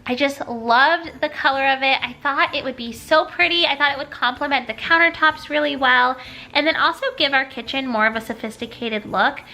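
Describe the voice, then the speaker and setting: Bright and forceful, a high-pitched female voice speaks at normal speed in a casual home decor vlog. The host keeps things upbeat despite sounding nasal and congested from an illness.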